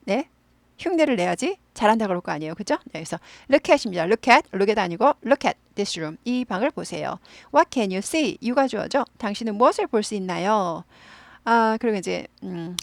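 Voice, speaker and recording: A woman teaching English in Korean, explaining grammar patiently and slowing down to model English phrases for repetition. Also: mid-range voice, gravelly, no echo. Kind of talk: online English lesson.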